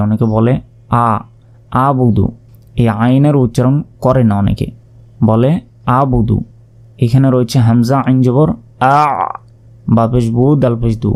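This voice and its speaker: A man with a gravelly, dark voice teaches Quran reading patiently, spelling words out sound by sound. Now and then he stretches a word into a slow, drawn-out chant before going back to plain explanation. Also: medium pitch. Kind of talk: spelling out recitation step by step.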